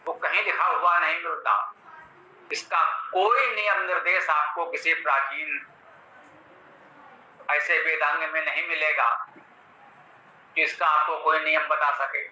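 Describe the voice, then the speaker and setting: Bright, high-voiced Hindi-accented scripture teacher. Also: male voice, a little hiss or hum. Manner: measured, teacherly, repeats and glosses Sanskrit terms. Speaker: Vedic scholar explaining a mantra. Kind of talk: explanatory lecture on scripture. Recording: roomy, slightly dull recording.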